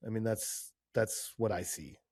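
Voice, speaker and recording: A man co-hosting a hockey podcast, animated and chatty, often restarting phrases as he tells a story. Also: on the low side, unhurried, dry recording, studio quality. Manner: animated storyteller, laughs, stammers. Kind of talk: casual chat, storytelling.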